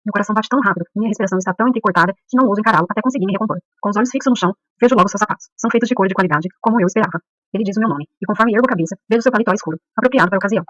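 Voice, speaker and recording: A woman narrating a first-person audiobook thriller, reading steadily and quickly. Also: mid-range voice, no room sound, muffled recording.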